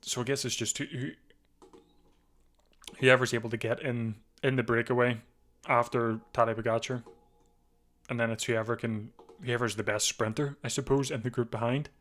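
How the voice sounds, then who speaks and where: Slightly hoarse man, mid-pitched, casual live-stream host, rambling and stumbling over words at his desk mic. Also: fairly even intonation, moderate pace, long pauses, fairly bright tone. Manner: rambling, repeats words, chuckles, clears throat often. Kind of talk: casual live race watchalong commentary.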